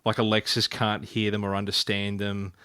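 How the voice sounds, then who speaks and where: A man's voice: fairly low pitch, completely flat delivery, normal speed, pushed and bright, smooth, no echo. A man from Ireland, hosting a podcast in a playful, rambling casual chat. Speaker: podcast host.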